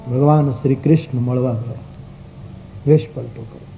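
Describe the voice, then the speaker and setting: A man's voice: medium pitch, moderate pace, creaky. A man telling a devotional story as a sermon, singing verses and acting out the characters' voices. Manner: expressive, acts out the characters' voices. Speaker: religious storyteller. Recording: dull old live recording with faint music.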